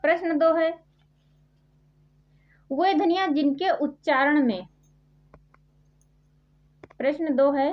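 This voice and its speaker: Woman tutor, high voice, slow and repetitive quiz delivery, dull lo-fi recording. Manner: repeats each question and answer slowly, spelling out sounds. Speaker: Hindi grammar teacher. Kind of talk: quiz-style exam prep lesson. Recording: dull lo-fi sound.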